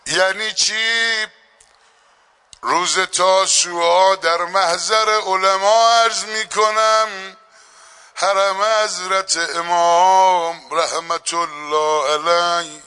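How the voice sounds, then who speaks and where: A man leading a religious mourning gathering. He moves between drawn-out chanted lament lines and quick, hushed storytelling. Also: sits high, clean tone.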